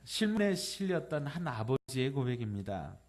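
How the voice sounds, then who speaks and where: A male pastor giving a Sunday sermon, reading a poem and a letter aloud gently and slowing down on the tender lines. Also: medium pitch, very animated. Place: church sanctuary.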